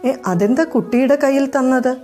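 A woman's voice: high voice, normal speed, dark tone, soft background music, pitched above the performer's own voice, lightly acted. A woman voicing a devout young wife, anxious and tearful, who asks questions in astonishment. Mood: astonished. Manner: astonished, pleading.

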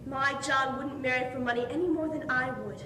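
A woman's voice: steady tone, brisk, bright, forceful tone. A woman in an amateur stage play acting an earnest, proud, easily flustered young woman in love. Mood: defiant. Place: theatre stage, indoors. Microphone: far camera. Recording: noisy, rumbling, echoey distant stage recording.

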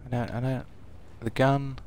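A man's voice: mid-range voice, flat delivery, unhurried, a little mellow, a little hiss or hum. A young British man commentating a horror game live, swearing often and dropping to a half-whisper while he sneaks. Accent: British English. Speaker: live-stream gamer.

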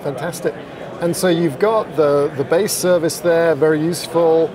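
A man's voice: on the high side, steady tone, normal speed. A middle-aged man with a slightly raised voice asks friendly questions and backs up the answers he hears. He sits in a booth at a busy trade show, and the crowd chatter of the hall fills in behind him. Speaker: interviewer, podcast host. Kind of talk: conversational interview.

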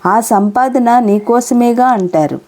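A woman's voice: on the high side, slow, a little mellow. A woman voicing a hurt, neglected young wife in an audio novel, reproachful and tearful in her pleading. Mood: bitter.

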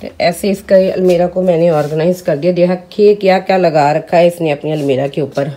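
Filming at home on a handheld phone, a mother in her thirties talks casually to her viewers, calling them friends. She has a sore throat, and her voice is mellow and on the low side. The casual vlog narration moves through her kitchen and rooms.

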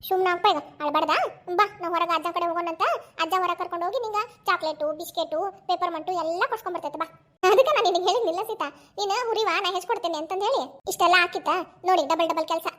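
A woman voice actor plays a fussy, doting cartoon grandmother and mother-in-law with a North Karnataka Kannada accent. Her very high, fairly bright voice races along in busy, quick patter, alternately chiding and coaxing.

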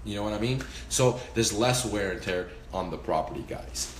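Talking to the camera from a small room by a window, this man in his forties, a real estate investor, speaks in a lowish, animated voice at normal speed. His casual how-to vlog is profane and emphatic, and he gestures with his hands. The sound is reverberant with a little background noise.

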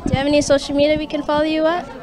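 A woman radio host asking quick, upbeat questions into a handheld mic at an indoor event. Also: high voice, completely flat delivery, a little mellow. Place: indoor event room by a banner. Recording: noisy crowd chatter behind.

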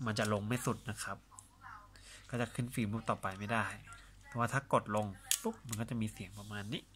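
A man giving a casual hands-on demonstration of a film camera, explaining in a relaxed way with hesitant fillers and small self-corrections. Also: on the low side, a little hiss or hum. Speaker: camera reviewer. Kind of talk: casual hands-on gear demo.

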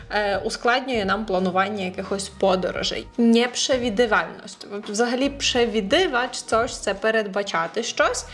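A woman teaching an online language lesson, chatty and encouraging, slowing down to carefully over-enunciate hard words. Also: fairly high pitch.

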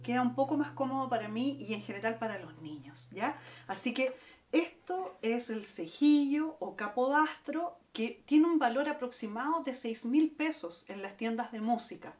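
A woman's voice: a little high, expressive, normal speed, darkish tone. A woman teaching a guitar lesson, explaining step by step and counting out the strums. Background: acoustic guitar playing.

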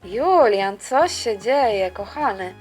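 A woman voicing a kind, patient mother in a toy-figure story, gentle and reassuring. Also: mid-range voice, lively intonation, takes it slowly, faint music behind, pitched below the performer's own voice.

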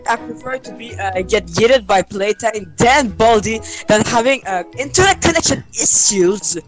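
High, dramatic woman gamer over loud music. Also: animated, normal speed. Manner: dramatic, exclamatory. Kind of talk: excitable gaming banter. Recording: very loud game music behind voice.

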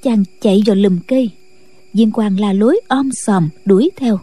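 A woman narrating a martial-arts novel in a steady, scripted late-night storytelling style. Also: medium pitch, normal speed, breathy edge, no room sound. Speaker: audiobook narrator.

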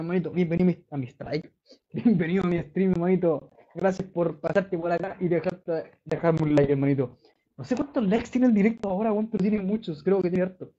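A young man from Chile with a Chilean Spanish accent, chatting casually on a live game stream, swearing often and shouting greetings to viewers. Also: high-pitched. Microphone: desktop microphone. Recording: dull lo-fi stream audio with faint noise.

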